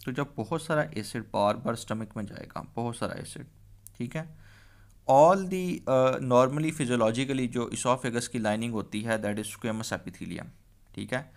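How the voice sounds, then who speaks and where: Gravelly slow-paced male lecturer. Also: mid-range voice. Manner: explanatory, repeats key terms, frequent "theek hai". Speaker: medical lecturer. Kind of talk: exam-prep lecture mixing Hindi-Urdu and English.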